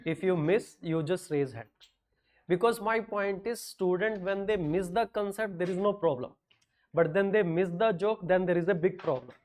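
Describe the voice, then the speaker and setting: Teaching a class in a North Indian accent, this middle-aged man, a native Hindi speaker from North India, slips quick Hindi asides into his English and cracks jokes. His voice is high and a little mellow.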